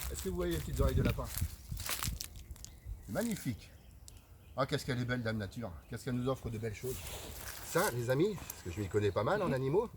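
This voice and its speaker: Man, comic mock-hunt host, over-the-top outdoor commentary with birds and nature noise behind. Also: mid-range voice. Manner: exaggerated, theatrical, addresses viewers as friends. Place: outdoors in a forest.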